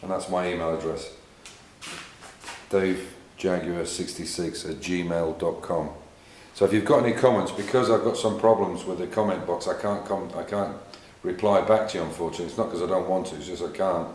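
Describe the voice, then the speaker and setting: Low-pitched and a bit dark in tone, a middle-aged English man speaks briskly and steadily with an English accent about his car work, peppering it with fillers and repeated words. He's a car restorer vlogger in a casual workshop vlog, recorded in an echoey garage with faint noise.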